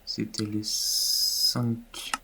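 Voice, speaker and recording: A man's voice: fairly low pitch, monotone, drawn-out words, vocal fry, background noise. A man giving casual, rambling commentary over his own video game play, with many fillers. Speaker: gaming YouTuber.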